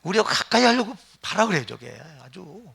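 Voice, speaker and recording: Emphatic gravelly-voiced male pastor preaching. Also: high voice, very animated, fairly quick, a bit bright. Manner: emphatic, rhetorical questions to the congregation. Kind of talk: sermon.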